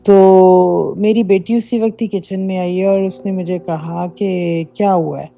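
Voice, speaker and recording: Woman, middle-aged, mellow dark tone, conversational true-story telling, home voice note, faint music behind. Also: fairly low pitch, steady tone, creaky, lo-fi sound. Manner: emphatic, conversational storytelling with frequent fillers. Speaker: listener sharing a personal story. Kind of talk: casual spoken account of a true haunting. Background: faint background music.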